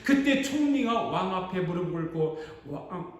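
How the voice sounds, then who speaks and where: A man's voice: sits high, normal speed. A man, a pastor, telling a story dramatically during a sermon in a church sanctuary. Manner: animated, dramatic retelling. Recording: echoey church hall.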